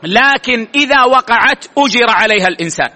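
High bright guy teaching a religious lesson, slow, keeps repeating words. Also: expressive.

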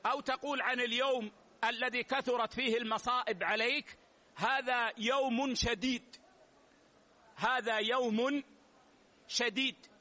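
A man, an Islamic scholar, giving a measured religious lesson and repeating key phrases slowly for his students. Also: very high-pitched, bright, forceful tone. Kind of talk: religious lesson explaining rulings.

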